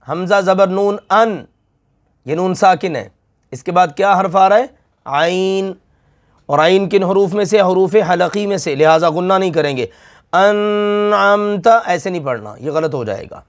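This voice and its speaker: A middle-aged man teaching Quran recitation rules, stretching out the sounds he recites and patiently repeating each rule with questions for the listener. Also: fairly high pitch. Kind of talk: slow Tajweed lesson with drawn-out recitation.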